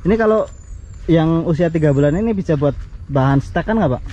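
A man's voice: fairly high pitch, lively intonation, fairly quick, dark tone. A man hosting a farm vlog, asking questions and turning to his viewers in a casual chat outdoors. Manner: chatty, questioning, addresses viewers. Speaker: farm vlogger interviewer. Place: outdoors in a grass field. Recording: dull outdoor sound with faint rural noise.

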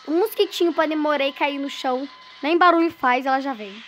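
A high-voiced Brazilian woman chats her way through a horror game. She sounds nervous and speaks casually to her viewers, with faint music behind her. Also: a little fast, a bit bright. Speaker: gamer.

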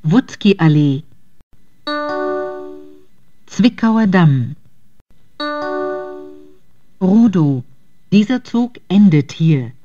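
Very slow woman's train intercom announcements. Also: fairly low pitch, animated, over music. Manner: measured, clipped station calls. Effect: over a train intercom. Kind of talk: recorded station announcements. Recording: dull lo-fi intercom audio.

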